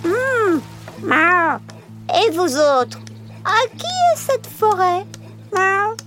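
A crafty little female cat purrs out her schemes in a very high, childlike voice that climbs and dips widely. She speaks slowly and sweetly, dropping meows between lines. Gentle music plays underneath. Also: exaggerated voice. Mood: commanding. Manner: slow, coaxing, flattering. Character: clever sly female cat, small, bold. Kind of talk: storybook character acting.

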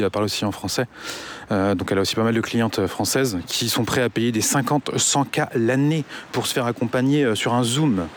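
A man's voice: mid-range voice, a little hiss or hum. A man ranting casually to his audience, blunt and full of swearing and hesitant fillers. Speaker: online business commentator. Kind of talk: casual rant to camera.

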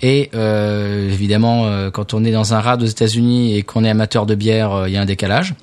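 A man's voice: on the low side, fairly even intonation, fairly quick, darkish tone, clean tone. A man hosting a casual podcast chat, telling stories with lots of restarts and fillers. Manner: chatty storyteller with many restarts. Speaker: podcast host. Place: United States.

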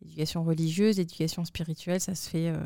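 A woman co-hosting a podcast, explaining things in a measured way with frequent hesitations. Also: deep voice, flat delivery, mellow, no room sound, studio quality. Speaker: podcast co-host. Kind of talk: casual podcast chat.

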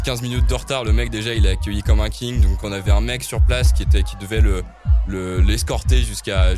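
A man with a fairly low voice tells an event organizer's story in a loose, slangy, conversational way. He pauses often to find his words, and faint music plays in the background. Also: a little mellow. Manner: slangy, conversational, frequent hesitations. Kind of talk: casual storytelling.

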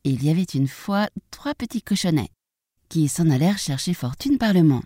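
A woman with a low voice reads a children's fairy tale aloud. Her pacing is slow and careful, her melody lively and expressive, and the recording is close and dry with no room sound. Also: dry recording. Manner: expressive, measured storytelling. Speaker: storyteller. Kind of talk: children's story reading.

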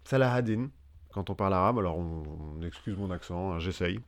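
A man's voice: low voice, fairly even intonation, quick pace, fairly bright tone. Guy on a history podcast, chatty, lots of euh and restarts, cracks jokes. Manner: chatty, hesitant with many restarts and fillers; joking asides. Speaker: podcast co-host. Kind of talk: casual history chat.

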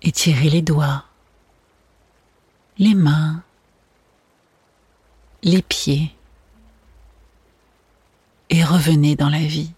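A meditation guide speaks very slowly in a soft spa whisper. The voice is extremely breathy and hushed, soothing throughout, and sounds close and dry, with almost no room around it. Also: mid-range voice, steady tone, no echo.

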